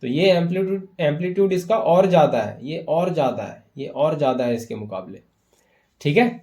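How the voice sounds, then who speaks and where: A male physics teacher with a slightly higher-pitched voice walks through an exam-prep lesson one step at a time. He slips English terms into Hindi and keeps checking that his students follow along. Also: lively intonation, fairly quick, warm tone. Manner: explains step by step with repeated "है ना" checks.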